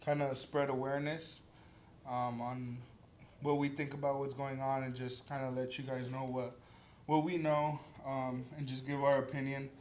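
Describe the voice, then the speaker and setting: A man in his early twenties co-hosts a casual group podcast chat, informal and sweary, hesitantly feeling his way through his sentences. His medium-pitched, darkish voice has little pitch movement and normal speed, recorded in an echoey room with faint background noise.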